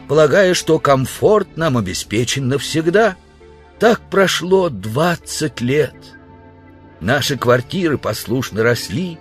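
A man's voice: mid-range voice, pitched above the performer's own voice. A man doing a moaning, dying stranger. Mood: lamenting. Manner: groaning, slow.

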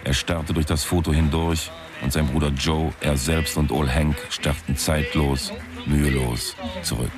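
Low, dry male narrator-detective. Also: steady tone, measured pace, over music. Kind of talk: radio drama narration.

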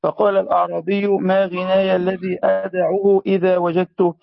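A man reading a classical religious text aloud, carefully and in measured recitation, for his teacher in a lesson. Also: sits high, completely flat delivery, vocal fry. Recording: muffled lo-fi recording.

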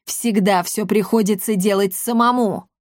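A woman's voice: mid-range voice, fairly even intonation, normal speed, darkish tone, dry recording, studio quality, close to an everyday voice. A woman reading an audiobook, playing a cruel, scornful male emperor who talks with open menace. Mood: menacing.

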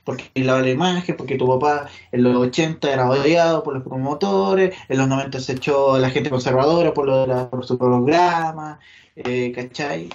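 A man's voice: medium pitch, moderate pace, darkish tone. A man with a Chilean accent hosting a casual wrestling podcast, rambling and slangy with many fillers. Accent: Chilean Spanish. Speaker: podcast host. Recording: dull lo-fi sound.

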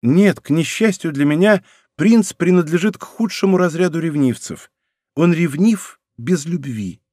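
A man's voice: on the high side, animated, measured pace, a little mellow, no echo, clean studio sound, voice pushed up. A man voicing a proud young princess in an audiobook, pleading and slightly mocking. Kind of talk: audiobook character reading.

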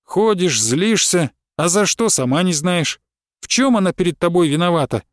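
A man's voice: high-pitched, lively intonation, moderate pace, dry recording, studio quality. A man reading aloud, voicing a grown son reproaching his mother in a storybook. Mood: reproachful.

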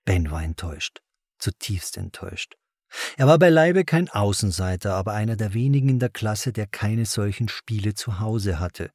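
A man reads a novel aloud in a measured and dramatic way. His voice is fairly low and husky. The recording is close and dry, with no room sound. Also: lively intonation, darkish tone, no echo. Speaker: audiobook narrator. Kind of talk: scripted narration.

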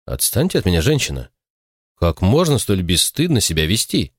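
A man's voice: deep voice, big pitch swings, moderate pace, dry recording, clean studio sound. A man voicing a cold, haughty man who speaks with clipped disdain in an audiobook reading.

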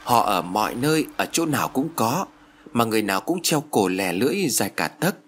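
A man's voice: fairly low pitch, very animated, a bit bright, husky, full character voice. A man voicing a strange, flippant young woman who talks offhandedly and teases. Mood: offhand. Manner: offhand, teasing, quick.

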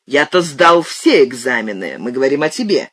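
A man's voice: medium pitch, sing-song, moderate pace, fairly bright tone, no room sound. A man reading aloud and voicing an irritable older brother, a vet who barks and lectures. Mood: scolding. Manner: scolding, barking.

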